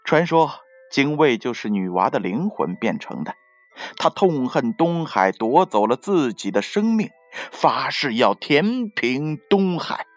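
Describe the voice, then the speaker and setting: A woman narrating a myth in scripted storybook style, expressive and swooping in her delivery. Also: very deep voice, measured pace. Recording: dry close studio voice with soft music.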